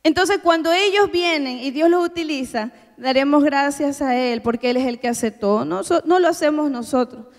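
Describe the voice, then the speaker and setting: A woman's voice: high voice, moderate pace, hardly any pauses. A woman giving an earnest, heartfelt sermon with a personal testimony at a church women's workshop. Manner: earnest, heartfelt preaching to the congregation. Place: church meeting hall. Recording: reverberant church hall.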